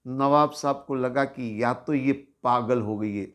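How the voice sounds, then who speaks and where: Slow dramatic male storyteller. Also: medium pitch. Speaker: spiritual storyteller. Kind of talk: Hindi religious discourse storytelling.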